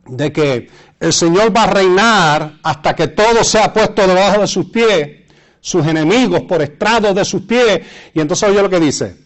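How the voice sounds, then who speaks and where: A man with a Puerto Rican Spanish accent preaching and reading scripture, repeating phrases for emphasis and pausing to search for words. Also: high-pitched. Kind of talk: sermon with Bible readings and asides to listeners.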